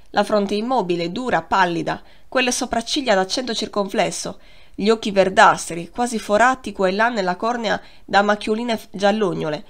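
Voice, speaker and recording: A woman narrating a novel as an audiobook reader, in a measured, expressive reading that slows down on key phrases. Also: mid-range voice. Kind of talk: scripted literary narration.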